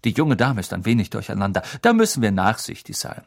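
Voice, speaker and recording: A man voicing a fussy middle-aged male minister who talks in an agitated, hurried and patronizing way. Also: fairly low pitch, big pitch swings, vocal fry, heavily acted. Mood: flustered.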